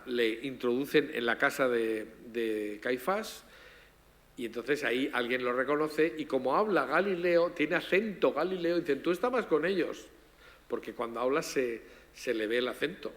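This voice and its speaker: A man's voice: medium pitch, a bit bright. A middle-aged man giving a public lecture, explaining at length with asides and self-corrections. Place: lecture hall. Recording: reverberant hall.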